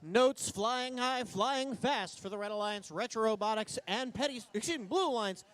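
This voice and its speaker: A man giving live play-by-play commentary as an event announcer, in an excited delivery. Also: high voice, moderate pace, soft background music. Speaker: play-by-play announcer at a robotics competition.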